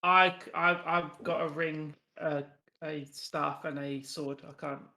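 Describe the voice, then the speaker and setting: Hesitant, bright-voiced woman player. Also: low-pitched, steady tone, measured pace, a little hiss or hum. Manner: hesitant and stammering. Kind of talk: playing a tabletop game.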